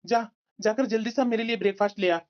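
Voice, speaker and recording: A woman's voice: fairly high pitch, fairly even intonation, fast talker, lo-fi sound, close to an everyday voice. A woman voicing a scornful, short-tempered young husband in a cartoon, speaking in a snappish, scolding way. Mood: irritated. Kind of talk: cartoon voice acting.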